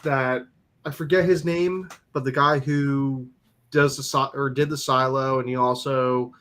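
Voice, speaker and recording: A man's voice: medium pitch, fairly even intonation, a little slow, a bit bright. A man hosting a casual aftershow chat, rambling with lots of fillers and restarts. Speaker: host.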